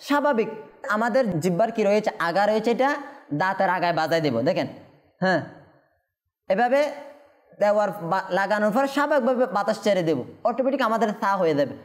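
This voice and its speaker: A woman's voice: mid-range voice, expressive, fast talker, long pauses. A woman teaching Quran letter pronunciation, patiently drawing out each sound and asking her pupils rhetorical questions. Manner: asks rhetorical questions to the class.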